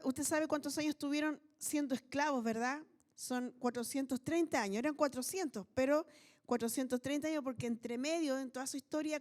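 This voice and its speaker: Mujer chilena de voz aguda predicando. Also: female voice, high voice, a little mellow. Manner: explanatory, often asks the congregation "¿verdad?". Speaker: pastor. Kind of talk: sermon. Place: church meeting.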